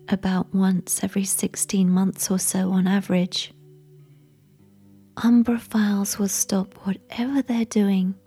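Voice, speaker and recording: A woman telling a sleep story in a soft, soothing unvoiced whisper, guiding relaxation. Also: mid-range voice, breathy edge.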